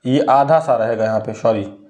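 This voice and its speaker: A young man teaching a Hindi spelling lesson, who asks a question and then answers it himself, drawing words out slowly to stress them. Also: mid-range voice, darkish tone.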